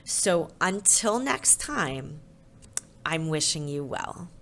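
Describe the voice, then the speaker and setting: Encouraging woman with a low voice. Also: lively intonation, takes it slowly, a bit bright, faint music behind. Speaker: parenting educator. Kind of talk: recorded lesson talk.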